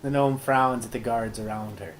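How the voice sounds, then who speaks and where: A man's voice: medium pitch, fairly even intonation, moderate pace, slight background noise. A man narrating as game master of a tabletop role-playing game, voicing the guards and other figures. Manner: voices guards and a gnome in turn.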